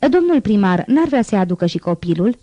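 A woman voicing a shy, devout nun who nurses the sick, speaking higher and timidly. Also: big pitch swings, warm tone, dry recording, highs cut off. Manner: shy and pleading.

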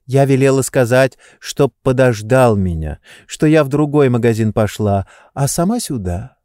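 A man's voice: mid-range voice, expressive, normal speed, warm tone, no room sound, clean studio sound, lightly acted. A man reading an audiobook, voicing a playful, teasing young woman with a capricious manner.

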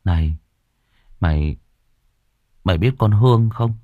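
A man voicing a big, burly teenage boy who stammers and talks in a hushed, scared way in an audiobook. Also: on the low side, a little slow, no echo, narrow, tinny audio. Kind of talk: audiobook character voice.

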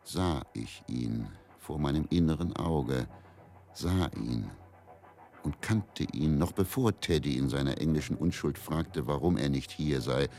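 In a radio drama monologue, a man with a very deep, warm voice plays a weary, fatalistic middle-aged faith healer. He tells his story in a measured, brooding way, with a haunted, fatalistic mood.

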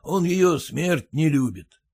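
A man's voice: a little high, expressive, slow pace, a little mellow, heavily acted. A man doing a pompous grumbling merchant. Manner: grumbling, lecturing, self-important. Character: pompous fussy merchant husband, fearful of typhus.

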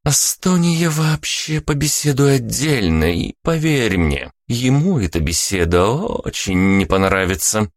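A man's voice: medium pitch, sing-song, a little slow, hardly any pauses, dry recording, clean studio sound, pitched above the performer's own voice. A man doing a brash mocking young woman. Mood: bossy. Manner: teasing, crude and bossy. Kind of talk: audiobook character voice.

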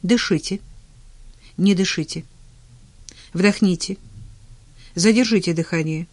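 A reader voicing a woman cardiologist who briskly reassures a frightened patient. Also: mid-range voice, no echo. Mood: calm. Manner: briskly cheerful, brushing off fears.

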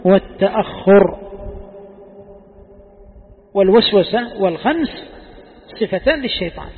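A man teaching a Quran commentary lesson, asking his students questions and repeating the key phrases. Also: high-pitched. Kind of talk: classroom tafsir lesson. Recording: tinny lo-fi recording with long hall reverb.

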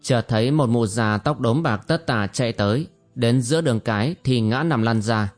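A man narrating a martial arts novel as an audiobook, in a measured storytelling manner. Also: medium pitch. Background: faint music.

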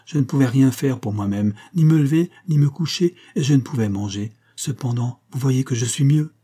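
A weak young man speaks from his sickbed in a faint, halting, heartfelt way, as a male audiobook reader puts him on. The tone is dark and mellow, a little husky. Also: mid-range voice, lightly acted. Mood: tender, weak. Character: gravely ill young male mill owner, weak and tender.

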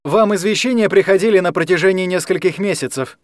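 An officious female bailiff in an audiobook, voiced by a man. She speaks formally and loudly, pitched above the reader's normal voice. The tone stays businesslike throughout. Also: fast, dry recording, studio quality, lightly acted.

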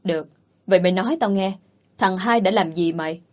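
A woman's voice: lowish voice, fairly quick, close to an everyday voice. A woman voicing an older, wealthy matriarch who speaks with cutting contempt. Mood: scornful. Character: older rich matriarch, scornful and sharp.

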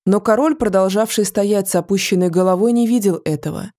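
A woman reading a fantasy audiobook in a measured, even storytelling manner. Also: medium pitch. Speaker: audiobook narrator. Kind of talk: scripted fantasy narration.

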